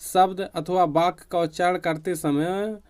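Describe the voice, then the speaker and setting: A man's voice: high voice, steady tone, unhurried, a little mellow, clear, resonant tone. A man teaching a grammar quiz to exam students, repeating each question and answer. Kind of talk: online exam-prep quiz lesson.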